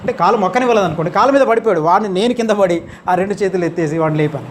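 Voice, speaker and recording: A man preaching a sermon in a high voice at a quick clip. He drives his points home with emphatic rising questions to the congregation. Faint room ambience sits behind him. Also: a little hiss or hum.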